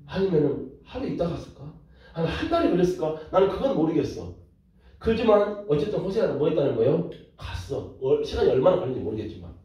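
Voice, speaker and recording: A man preaching as a pastor, lively and full of rhetorical questions to his listeners. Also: a little high, fast talker. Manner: animated, rhetorical questions to the audience. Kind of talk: sermon lecture. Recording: echoey room from far off, dull lo-fi.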